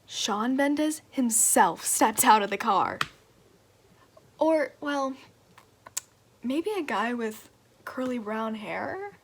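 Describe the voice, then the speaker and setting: A gossipy young woman, played by an actress, spills her news down the phone in a fairly high voice. She delivers everything with breathless, dramatic flair. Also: animated, takes it slowly, long pauses, slight background noise. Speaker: student actor. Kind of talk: stage monologue on a phone call.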